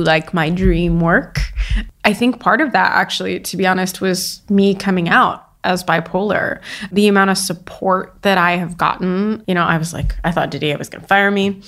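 A woman being interviewed, talking openly and warmly about her work and feelings, with plenty of casual fillers. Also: mid-range voice. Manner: animated, chatty, full of 'like' and 'you know' fillers; open and emotionally candid. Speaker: interview guest.

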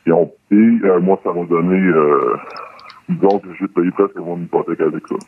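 A man calling in with his voice electronically disguised and lowered, speaking with a Quebec French accent and hesitating often. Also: normal speed, a little hiss or hum. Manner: hesitant, many fillers. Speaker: caller. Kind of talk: casual phone call to a radio show. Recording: dry tinny phone line.

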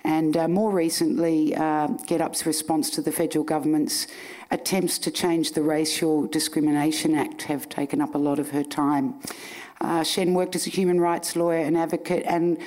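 A woman's voice: low-pitched, level tone, moderate pace, a little mellow. A woman hosting a live on-stage interview, with a dry teasing humour. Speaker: podcast host.

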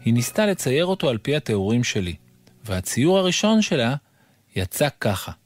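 A man reading a children's book aloud in an expressive, playful way, with music playing behind him. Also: medium pitch. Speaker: narrator.

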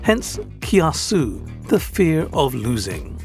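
Casting: British male podcast host, rigidly formal and wordy, lively intonation, mock-educational scripted read. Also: on the high side, slow pace, faint music behind. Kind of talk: scripted, tongue-in-cheek educational narration.

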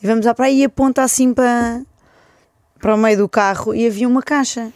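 A woman's voice: on the high side, a little fast, dry recording, studio quality. A woman in her thirties with a European Portuguese accent, a guest telling a story in casual chat and acting out the quotes. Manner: animated storytelling, acts out quotes.

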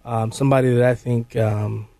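A man's voice: mid-range voice, fairly even intonation, normal speed, dark tone, no room sound. An American man hosting a conversational live talk radio show from a studio.

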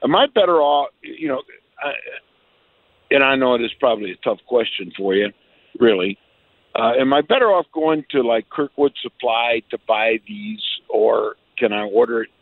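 Brief: man in his 70s, radio caller, tinny phone line, very lively pitch, halting and chatty. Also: no echo. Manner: chatty, halting, warm-spirited. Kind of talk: call-in question on the radio. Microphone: telephone.

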